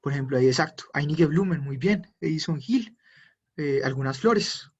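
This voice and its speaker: Teaching German live online, this man speaks in a fairly high, husky, slightly mellow voice, expressive and at normal speed. He works patiently through each point and answers viewer questions as they come. The sound is dull and lo-fi, as if from a computer microphone.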